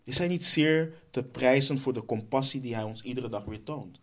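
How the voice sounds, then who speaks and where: A man's voice: mid-range voice, moderate pace, a bit bright. A man preaching a sermon, reading Bible verses aloud and answering his own rhetorical questions.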